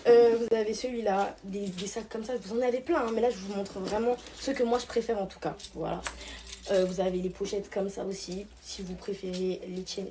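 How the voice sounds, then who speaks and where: A young woman from Réunion, chatty and excitable, talking casually to her viewers in a vlog. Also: medium pitch, a little hiss or hum. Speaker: vlogger. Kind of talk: casual vlog chat to camera.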